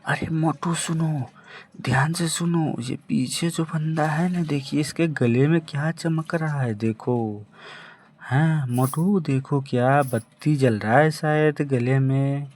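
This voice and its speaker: A worried, sensible thin cartoon sidekick, voiced by a man in an amateur dub. His voice sits a little high, and he speaks slowly and keeps repeating his cautions. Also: fairly even intonation, darkish tone. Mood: warning. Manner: repeating warnings.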